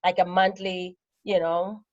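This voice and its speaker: A woman's voice: lowish voice, level tone, unhurried, no room sound. A woman from Ghana chatting eagerly on a video call, suggesting ideas to the group. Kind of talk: casual group discussion. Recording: dull dry video call audio.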